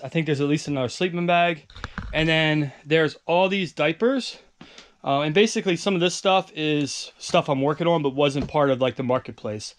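A man casually walking through his basement resale stock in a vlog, loose and rambling with lots of fillers. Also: a little high. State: out of breath. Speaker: online reseller vlogger. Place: home basement storage room.

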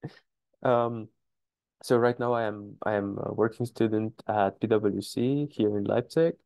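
A student in his twenties from Romania introducing himself on a video call through a headset, relaxed with a few hesitations. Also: fairly low pitch, normal speed, gravelly, no echo. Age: 20s. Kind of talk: casual self-introduction.

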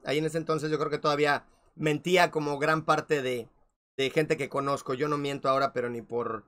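A man's voice: a little high, a bit bright. A man with a Mexican accent reading a personal story aloud, breaking off for casual asides. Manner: conversational, frequent "¿no?" and "o sea" asides. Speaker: storyteller reading his own old writing.

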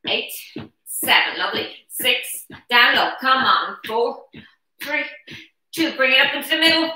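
A woman's voice: high-pitched, expressive, measured pace, sharp tone. A middle-aged woman leading an exercise class, energetically counting reps and calling short encouraging cues. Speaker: aerobics instructor leading chair exercises. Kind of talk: live fitness class coaching. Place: brick-walled living room at home. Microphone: camera a few metres away. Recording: roomy echo, distant camera microphone.

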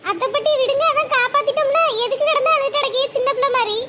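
A woman's voice: extremely high pitch, racing, sharp tone, slight background noise. A woman voicing a bossy, bustling young village woman in a cartoon, hollering orders. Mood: urgent, bossy. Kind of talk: cartoon voice acting.

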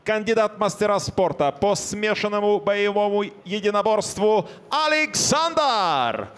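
A male ring announcer giving formal fight introductions like a loud showman, stretching out fighters' names. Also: high-pitched, lively intonation, unhurried, clear, resonant tone. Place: fight cage in an indoor arena. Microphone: handheld microphone.

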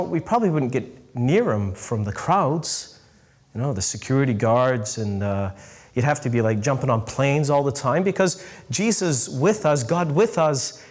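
Storytelling priest preaching to a crowd. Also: male voice, on the high side, husky. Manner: storytelling, lively and emphatic, slows for key phrases. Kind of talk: sermon to a live audience.

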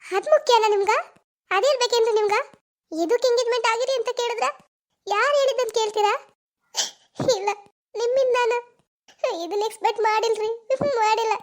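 Speaking briskly with frequent pauses and a steady tone, this cartoon voice actor portrays a young village woman who has been betrayed by her lover. She uses a North Karnataka Kannada accent and delivers very high, sobbing pleas full of accusation.

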